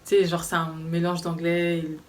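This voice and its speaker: A young woman telling a story from her life in a casual, lively way, talking straight to her viewers. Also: on the low side, moderate pace, far from the mic. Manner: lively, animated, conversational, addresses viewers directly. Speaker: vlogger.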